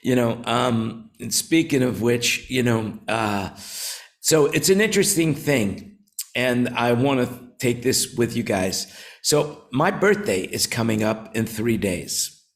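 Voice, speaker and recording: A man's voice: mid-range voice, animated, slow. Rambling older man hosting a chat. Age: 70s. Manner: rambling, repeats words, many fillers. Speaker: show host, company founder. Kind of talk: casual roundtable chat.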